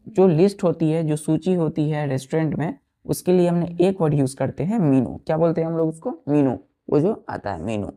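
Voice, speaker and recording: A woman's voice: deep voice, warm tone. A woman teaching an English vocabulary lesson to students, spelling out words letter by letter and often checking that they follow. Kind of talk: slow classroom vocabulary lesson.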